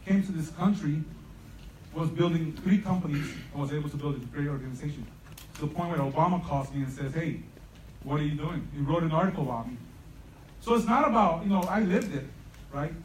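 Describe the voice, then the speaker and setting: Speaking with emphasis to parents and students, the Salvadoran program founder delivers a motivational talk in a high-leaning, darkish voice, a little fast. He seeks agreement with frequent "right?"s, and the distant mic picks up a roomy large hall with faint noise from the live event.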